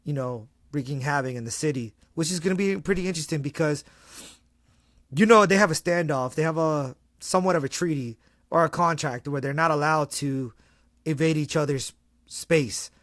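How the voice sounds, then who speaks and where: Hyped-up guy chatting about a show, slangy, kinda high voice, dry close mic. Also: normal speed, no echo. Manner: excitable, slangy, restarts a lot. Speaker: podcast co-host. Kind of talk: casual fan chat.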